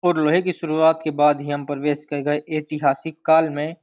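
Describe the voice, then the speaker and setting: Slow, deliberate Hindi history teacher, lo-fi. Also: male voice, on the high side, level tone. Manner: slow, deliberate, repeats key terms to drill them. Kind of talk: exam-prep lecture. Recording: dull lo-fi sound.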